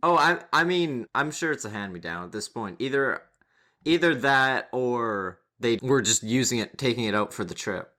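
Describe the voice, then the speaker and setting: A man's voice: mid-range voice, lively intonation, normal speed, sharp tone. A young man co-hosting a podcast, laid-back and swearing casually as he tells a story over a voice call. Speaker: podcast co-host. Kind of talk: casual chat. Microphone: computer mic over a voice call.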